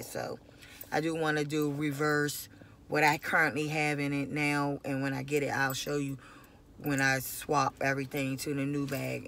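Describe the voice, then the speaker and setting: A woman talks casually to her viewers from the seat of a car, recorded on a phone held at arm's length. Her voice has a gravelly, creaky edge. She rambles loosely and circles back over her points. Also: a bass voice, fairly bright tone, a little hiss or hum. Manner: loose, rambling, repeats herself. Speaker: vlogger. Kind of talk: casual chat to camera. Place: inside a parked car at night. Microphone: phone camera at arm's length.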